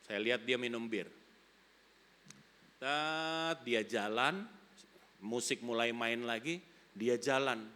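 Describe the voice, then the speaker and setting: Slow, bright-voiced Indonesian pastor preaching. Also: male voice, mid-range voice, big-room sound. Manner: swings from loud preaching to quiet storytelling, mixes in English phrases. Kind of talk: sermon with storytelling. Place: large church hall.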